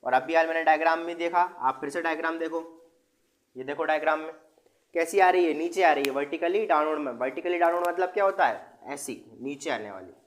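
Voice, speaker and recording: A young male teacher with a slightly high voice, explaining a lesson to students step by step. He asks a question again and again, then answers it himself. He mixes English words into his explanation. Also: fairly quick. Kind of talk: online class lesson.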